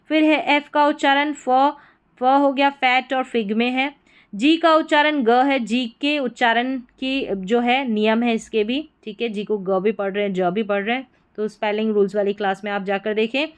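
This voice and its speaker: A woman explains pronunciation rules to beginners, patient and methodical, restating each point more than once. Her voice is smooth and clear and sits a little high. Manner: patient, repeats points in several words. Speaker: English teacher.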